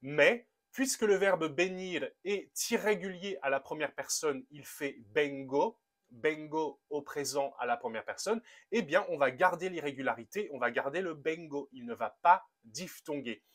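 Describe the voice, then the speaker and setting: A man runs a friendly grammar lesson in an upbeat, methodical way, with a voice pitched a little high for a man. He walks through each rule patiently and slows down to spell out every verb form one by one. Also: expressive. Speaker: language teacher. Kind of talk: explaining grammar to a camera.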